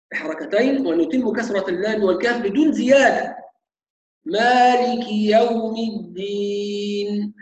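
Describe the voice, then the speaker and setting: A man teaching Quran recitation, slowly demonstrating sounds and repeating them. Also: high-pitched, reverberant, low-quality recording. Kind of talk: tajweed lesson.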